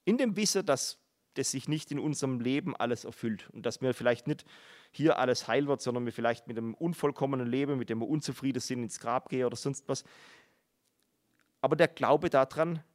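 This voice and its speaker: A man's voice: mid-range voice, fairly quick, a little mellow. Middle-aged male preacher; earnest, explanatory Bible teaching with emphatic repetitions.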